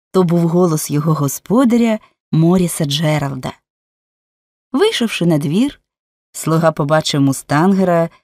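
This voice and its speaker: A woman narrating an audiobook in an even storytelling read. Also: deep voice, dry recording, studio quality. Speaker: audiobook reader. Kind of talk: scripted narration.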